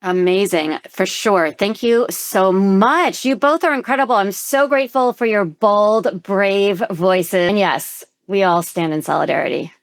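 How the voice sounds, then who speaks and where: A woman's voice: mid-range voice, a little slow, hardly any pauses, no echo, studio quality. A woman co-hosting a podcast, effusive and grateful as she reads closing credits. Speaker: podcast co-host.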